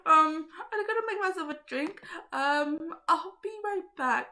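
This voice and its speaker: A woman hosts her own channel, reading aloud to viewers in a casual, chatty way. She giggles often and gets easily sidetracked. Her voice is extremely high and sharp, and she speaks unhurriedly.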